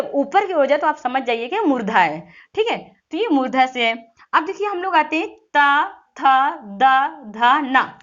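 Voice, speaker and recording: A woman's voice: high-pitched, a bit bright. A woman teaching an exam-prep lesson, explaining step by step, sounding out letters and often checking in with listeners. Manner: frequent "thik hai" check-ins. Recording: dull lo-fi audio.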